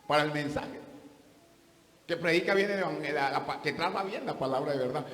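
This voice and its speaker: A man's voice: high voice, fairly bright tone, echoey room, long reverb tail. A man preaching a sermon as pastor, pressing his point with rhetorical questions.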